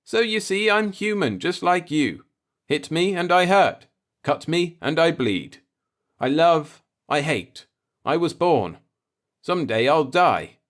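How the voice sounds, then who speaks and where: A male narrator voices an earnest human space traveler in a science fiction storybook style, speaking slowly in a raised, lively pitch. He explains and persuades insistently and with some impatience, sounding pleading.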